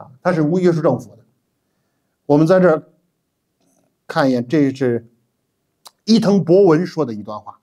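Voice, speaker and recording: A middle-aged man giving an animated, emphatic history lecture as a teacher, with frequent 'ah' fillers. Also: fairly high pitch. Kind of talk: classroom-style history lecture.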